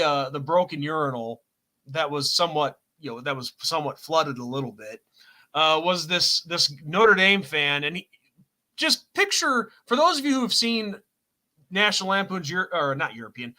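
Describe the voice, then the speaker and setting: Male co-host, high and bright-toned, rambling, self-correcting storyteller for a casual chat show. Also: very animated, moderate pace, rough recording.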